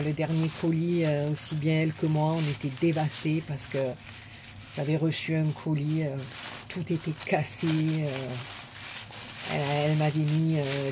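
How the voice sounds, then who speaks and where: A woman's voice: low-pitched, background noise. A woman vlogger chatting casually to viewers as she unboxes a parcel, gushing and repeating her words of praise with many fillers.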